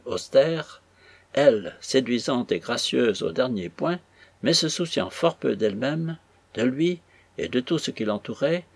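A man reading a classic novel aloud with measured, expressive narration. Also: mid-range voice, slightly rough. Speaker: audiobook narrator. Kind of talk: literary audiobook reading.

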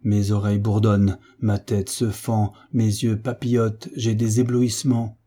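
A man's voice: fairly low pitch, level tone, measured pace, mellow, husky. A man voicing an exasperated, blustering old baron in an audiobook, complaining frantically and crying out in disbelief.

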